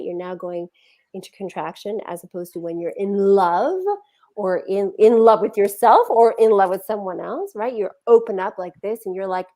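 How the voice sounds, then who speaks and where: A woman giving a conversational talk on healing, animated and acting out quoted feelings as she speaks. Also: mid-range voice.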